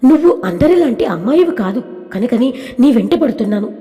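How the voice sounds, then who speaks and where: Woman reading as a boastful, coaxing young man, storybook villain, mellow voice, long hall reverb. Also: very high-pitched, very animated, a little fast, soft background music. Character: scheming young man, smooth-talking pursuer.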